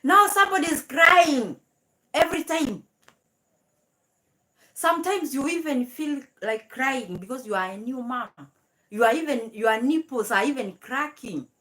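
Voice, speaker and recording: Woman, young adult, live-stream host, mocking commentary, slow delivery, slightly high voice. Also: animated. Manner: mocking, laughs between remarks.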